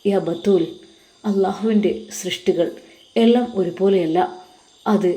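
A kindly male religious teacher speaks softly and patiently, as a woman storyteller puts him on. His voice stays mellow and unhurried, the way a teacher soothes a curious child in a spoken storybook. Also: mid-range voice, lightly acted. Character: devout male religious teacher, gentle and wistful.

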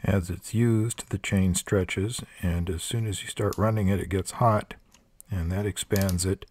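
A man's voice: deep voice, fairly even intonation, measured pace, a little mellow, slightly rough, no echo. An older man giving a hands-on tool review in a plain-spoken, practical way with dry asides. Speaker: product reviewer. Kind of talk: hands-on product review narration. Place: workshop table.

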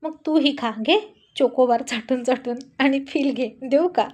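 A teasing, affectionate husband who jokes and coaxes his wife. A woman reads him in her own voice, pitched rather high with no deepening, so he sounds close to the narrator. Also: measured pace, a little mellow. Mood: playful. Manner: playful teasing.

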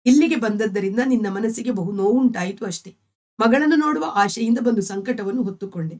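Sorrowful young wife, devout and gentle, pleading, read by a woman storyteller. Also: mid-range voice, fairly quick, natural voice. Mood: weary, tearful.

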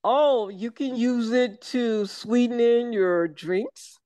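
An older woman from the American South, a guest chatting over a video call, talking slowly and wandering with many fillers and restarts. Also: on the high side, mellow, no echo. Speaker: guest, syrup maker.

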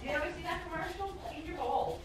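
A woman bantering and teasing while she helps with a home staircase project, blunt and quick to laugh. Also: very high-pitched, heavy background noise. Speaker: relative helping on the project. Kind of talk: casual banter. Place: living room and staircase in a home, indoors.

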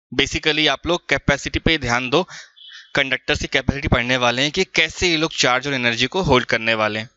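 Indian male physics teacher, bright, crisp voice, patient classroom lecture. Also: mid-range voice, dry recording, lo-fi sound. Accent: Indian English. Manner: explains patiently, often asks the students to follow along.

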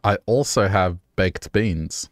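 A man voicing a pompous aristocratic gentleman duke with a slow, stately posh delivery. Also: low-pitched, no echo, soft background music.

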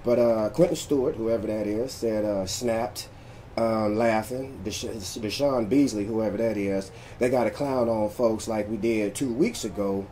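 A man's voice: lowish voice, unhurried, warm tone, slight background noise. A man hosting a casual commentary vlog, joking loosely and reading posts aloud. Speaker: vlog host recapping battle rap drama.

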